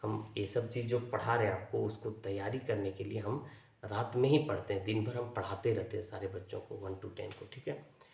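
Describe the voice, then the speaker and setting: Indian physics teacher lecturing at a board. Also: male voice, lowish voice, fairly even intonation, moderate pace, creaky, a little mellow. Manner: asks and answers his own questions, repeats "theek hai". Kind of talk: blackboard lecture. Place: classroom with a board. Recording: roomy echo, voice from a distance.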